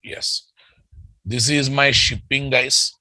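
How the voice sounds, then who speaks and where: Male tech trainer, Telugu Indian accent. Deliberate, repetitive delivery, slightly husky, close dry sound. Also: mid-range voice, fairly even intonation, pushed and bright, no echo. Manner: repetitive, often addressing students as "guys". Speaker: software trainer. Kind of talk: live technical lecture, drawing and explaining step by step.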